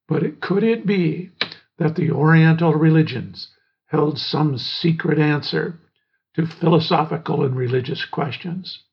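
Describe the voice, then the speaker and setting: An older man reading his own memoir aloud in a measured, reflective way. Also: on the high side, husky. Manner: slow, measured, reflective storytelling. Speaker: memoir narrator. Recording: dull lo-fi recording.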